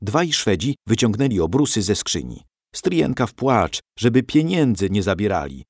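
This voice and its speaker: Low-voiced, animated male storyteller. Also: normal speed, dry recording, studio quality. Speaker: narrator. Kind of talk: storybook reading.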